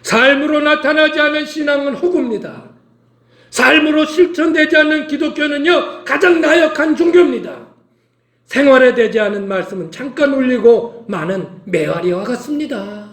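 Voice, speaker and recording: A man's voice: extremely high pitch, moderate pace, a bit bright, roomy sound. A male pastor preaching a sermon, emphatic and urging his listeners to act, repeating his calls.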